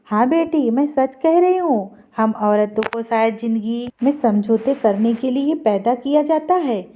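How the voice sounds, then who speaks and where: A soft, persuasive older mother-in-law from an audio story, coaxing and gentle, as a woman narrator reads her. The voice sits high. The recording is dull and lo-fi. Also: lively intonation, a little slow, a little hiss or hum.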